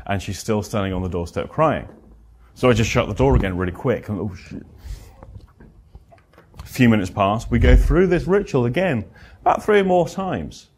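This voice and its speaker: Blunt, wry man telling therapy anecdotes. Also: slight background noise. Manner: blunt, wry storyteller who swears; animated, swinging pitch and loudness. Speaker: therapist giving a presentation. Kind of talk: lecture with anecdotes.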